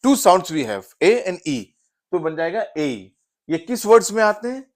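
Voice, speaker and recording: A man's voice: high voice, animated, darkish tone. A male teacher with an Indian accent explaining English vowel sounds in a mix of Hindi and English, repeating "yes" and "so" between example words. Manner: drawn-out, repetitive explanation with frequent "yes" and "so". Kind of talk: phonetics lesson mixing Hindi and English.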